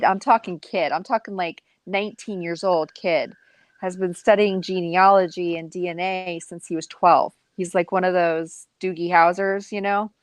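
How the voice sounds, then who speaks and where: A woman in a casual live stream chat, telling a story in a chatty way with many fillers. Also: fairly low pitch.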